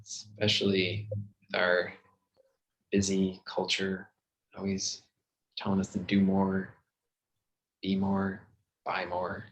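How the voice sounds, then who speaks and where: A man hosting a group video call and guiding a gentle love practice in a calm, unhurried way. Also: low-pitched, slight background noise. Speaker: host and meditation guide. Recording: dull lo-fi video call audio.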